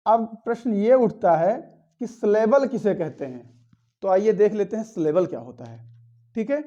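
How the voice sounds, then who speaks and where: A man's voice: sits high, warm tone. Man teaching grammar over lo-fi audio. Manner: explains step by step, asks and answers his own questions. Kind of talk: classroom grammar lesson.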